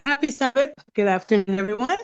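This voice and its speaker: A woman's voice: a little high, quick pace. A woman calling into an online church meeting over a video call. Her connection is bad and her voice breaks up, and she talks hesitantly and restarts her sentences. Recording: dull lo-fi video call audio.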